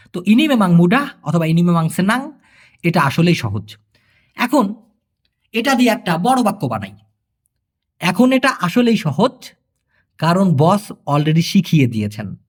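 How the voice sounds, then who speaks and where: A high-pitched man with a lively, sing-song delivery teaches a spoken language lesson. He repeats each phrase slowly, then translates it word by word.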